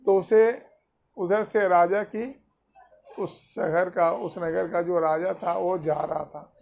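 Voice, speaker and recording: Slow-talking man telling children a story. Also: sits high, steady tone, gravelly, darkish tone, slight background noise. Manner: quizzes listeners mid-story; mixes simple English with Hindi. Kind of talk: spiritual story told to children.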